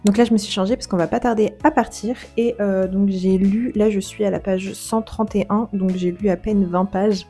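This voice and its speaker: A young woman chatting casually to camera on her book vlog, filling her talk with fillers and quick self-corrections. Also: mid-range voice, fairly even intonation, warm tone, soft background music. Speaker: book vlogger. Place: holiday home on vacation.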